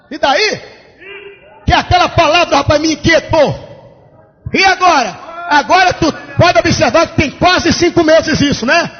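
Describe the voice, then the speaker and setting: A male pastor, telling a story in a sermon with fervent preaching that rises to shouts. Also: very high voice. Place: large church. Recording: echoey church hall, dull lo-fi sound.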